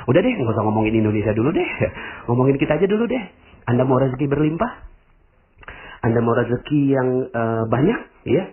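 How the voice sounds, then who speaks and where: A man in the middle of a spirited religious motivational talk on the radio, his pitch leaping up and down as he speaks straight to his listeners. He slips into higher voices to act out the people he quotes. The sound is thin and tinny, like a phone line. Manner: addresses listeners directly.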